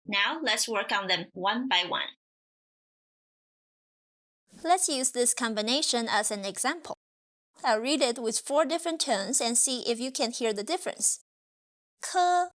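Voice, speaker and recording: A woman teaching pronunciation in a scripted lesson, speaking slowly and carefully as she demonstrates. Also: on the high side, fairly bright tone. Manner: slow, careful, demonstrative delivery. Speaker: language teacher.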